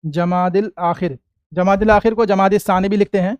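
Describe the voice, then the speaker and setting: High-voiced man teaching, slow repetition. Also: fairly even intonation, no room sound. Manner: slow, drawn-out repetition of each word, asking and answering his own questions. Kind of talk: classroom-style lesson with call and response.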